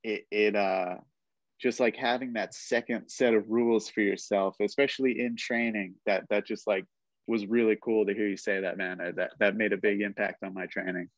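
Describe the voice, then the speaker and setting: A man with a lowish voice hosts a podcast in easy, rambling conversation and keeps leaning on "like" as he goes. The sound is dry and close, with a slightly dull, muffled top end. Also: normal speed, no room sound. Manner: rambling, heavy use of "like", relaxed. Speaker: podcast host. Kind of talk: casual interview chat.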